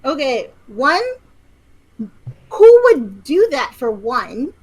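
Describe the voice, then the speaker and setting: A woman's voice: high-pitched, sing-song, drawn-out words, rough recording. A woman arguing insistently in a casual, heated debate. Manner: argumentative, insistent.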